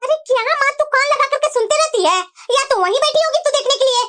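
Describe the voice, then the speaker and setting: A woman's voice: extremely high pitch, fast, a bit bright, pitched above the performer's own voice. A woman putting on the voice of a reproachful grown daughter in a cartoon moral story. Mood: scolding. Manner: scolding, reproachful. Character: young adult daughter, scolding and indignant.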